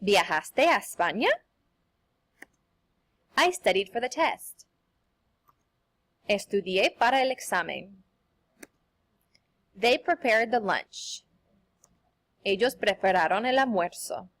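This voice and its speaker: A young adult woman, a teacher, giving a recorded lesson in an upbeat, sing-song manner and slowing down carefully to model each example. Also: mid-range voice, expressive, a bit bright. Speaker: Spanish teacher.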